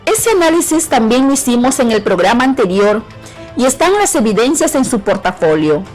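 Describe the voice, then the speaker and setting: Measured Peruvian teacher, lively pitch. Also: female voice, faint music behind, poor audio. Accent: Peruvian Spanish. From Peru. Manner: clear, measured instruction to students. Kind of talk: scripted educational radio lesson.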